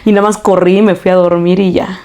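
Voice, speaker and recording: A woman's voice: lowish voice, little pitch movement, fast talker, mellow. A young woman, co-hosting a casual podcast and making joking, teasing asides. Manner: jokey, laughs often, teasing asides. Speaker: podcast co-host. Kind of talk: casual chat.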